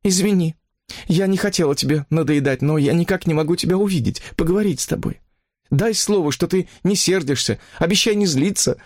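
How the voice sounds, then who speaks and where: A man's voice: a little high, brisk, darkish tone, no room sound, clean studio sound, voice pushed up, close to an everyday voice. A man voicing a desperate, lovesick married woman who pleads and reproaches, in an audiobook story. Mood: reproachful.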